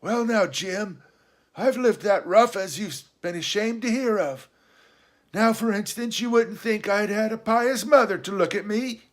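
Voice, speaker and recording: Ben Gunn, high-pitched crazed castaway. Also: male voice, a little slow. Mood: pleased. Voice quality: hoarse, awkward. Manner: rustic seafaring dialect, excitable, rambling. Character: marooned old castaway sailor, half-crazed, childish, sly, pious.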